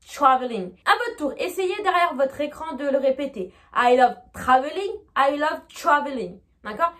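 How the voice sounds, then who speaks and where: A woman teaching English pronunciation in an online lesson, patiently repeating each example twice and checking in with "d'accord?". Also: sits high.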